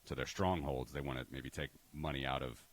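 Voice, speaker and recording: A man's voice: very deep voice, fairly even intonation, a little fast. An American man co-hosting a podcast, talking in a casual, rambling way with many fillers and restarts. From United States. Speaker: podcast co-host. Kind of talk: casual chat.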